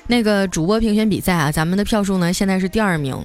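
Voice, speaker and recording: A woman's voice: medium pitch, fast. A woman hosts a comic storytelling podcast, chatty and joking. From Northeast China. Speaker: podcast host. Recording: music bed under the voice.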